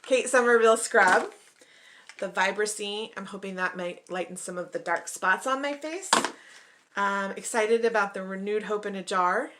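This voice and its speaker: A young woman vlogger chatting casually as she unboxes beauty products, upbeat and quick to call everything exciting. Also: medium pitch, noisy background.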